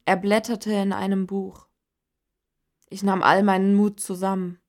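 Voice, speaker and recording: Audiobook: woman narrator, very slow, measured, mid-pitched. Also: little pitch movement. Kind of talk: scripted first-person narration.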